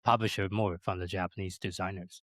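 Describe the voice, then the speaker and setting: A man's voice: deep voice, level tone, fairly quick, a bit bright, dry recording. A man from Taiwan hosting a podcast, asking questions and answering often with "okay" and "mm-hmm". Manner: asks questions, frequent backchannel "okay" and "mm-hmm". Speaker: podcast host. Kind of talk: conversational interview.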